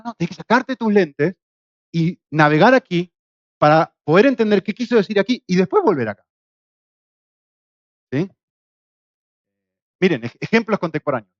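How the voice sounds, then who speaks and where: A middle-aged Argentine man teaching a Bible course, lecturing lively and acting out quoted voices. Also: a little high, no room sound, highs cut off. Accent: Argentine Spanish. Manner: lively, acts out quoted voices with shouts and jokes. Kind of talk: classroom lecture. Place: classroom in Spain.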